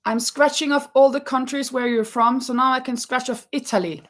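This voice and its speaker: A Norwegian-born woman, whose first language is Norwegian, chats casually while crocheting on a livestream from her home craft room, reading viewer comments, counting stitches aloud and laughing easily. Her voice is high-pitched and fairly bright, with fairly even intonation and a fairly quick pace. There's slight background noise.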